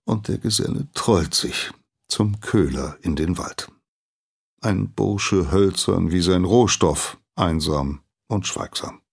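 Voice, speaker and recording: Deep slow husky male narrator. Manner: calm, measured. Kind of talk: scripted storytelling narration.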